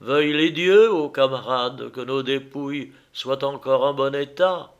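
A man's voice: medium pitch, measured pace, smooth, muffled recording, natural voice. A man voicing a band of weary Greek sailors making a solemn, earnest plea.

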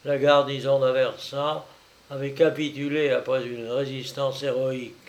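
A man narrating a historical novel in a measured, dramatic storytelling manner. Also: mid-range voice, little pitch movement.

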